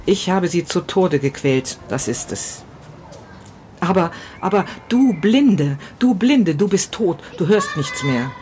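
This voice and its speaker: A woman's voice: fairly low pitch, expressive, darkish tone, slight background noise. A woman reading a tormented grieving widower. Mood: grieving, desperate. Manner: halting, repeating words, swinging between whispers and outbursts. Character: grief-stricken man, widower pawnbroker, tormented and brooding. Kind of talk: literary reading of a first-person novella. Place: city balcony, outdoors.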